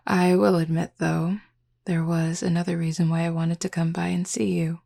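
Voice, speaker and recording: In an intimate audio roleplay, a woman plays a confident werewolf pack member who flirts and teases, speaking unhurriedly with a husky, gravelly voice. Her lowish voice has a flat delivery, a slightly slow pace, and a mellow tone, and her mood is sly and teasing.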